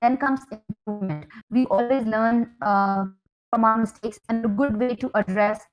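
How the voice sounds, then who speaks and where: A woman giving a technical conference talk over a remote video call, pausing often with fillers. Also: a little high, fairly even intonation, faint music behind, rough recording. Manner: halting, many fillers. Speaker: conference speaker.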